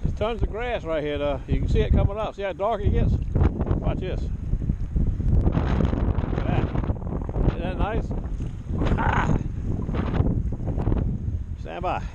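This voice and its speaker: A man's voice: high-pitched, takes it slowly, long pauses. An older man giving folksy, casual running commentary to viewers while metal detecting in a windy bay, on a head-mounted camera. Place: outdoors wading in a windy bay. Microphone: head-mounted action camera. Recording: lo-fi action camera with loud wind. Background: wind and water noise.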